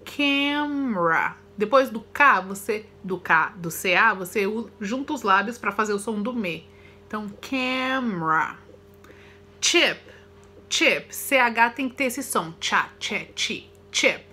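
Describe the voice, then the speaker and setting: A woman's voice: medium pitch, sharp tone, husky. A woman with a Brazilian Portuguese accent teaching English vocabulary and pronunciation, drilling words one at a time and repeating examples. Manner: slow, careful word-by-word drilling with repeated examples. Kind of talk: recorded online lesson.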